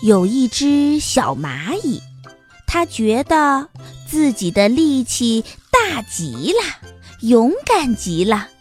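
A woman narrating a children's story in a gentle, sing-song storybook manner. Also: a little high, very animated, slow, soft background music.

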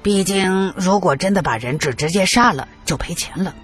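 A worldly tomb raider delivers grim news with a sneer, teasing his listener, as a male storyteller puts him on. His voice drops low and dry. Faint music runs behind the audiobook. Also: big pitch swings, moderate pace. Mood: sardonic. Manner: mocking, teasing.

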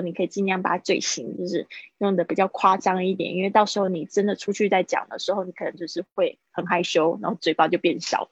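Woman teaching English vocabulary, husky voice. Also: mid-range voice, no echo. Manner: mixes Mandarin with English, drawn-out vocabulary drills. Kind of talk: live-streamed language lesson. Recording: husky, dull lo-fi stream audio.

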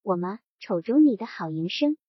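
A woman voicing a calm, frank young revolutionary man in a storybook reading, speaking plainly with a light joking edge. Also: mid-range voice, normal speed, slightly rough, no room sound, voice pushed down. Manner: calm, candid, gently joking. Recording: dull lo-fi sound.

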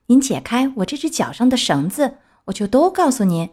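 A woman voicing a cheeky, chatty wooden puppet boy in a raised, bright voice. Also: a little high, very animated, normal speed, pitched above the performer's own voice.

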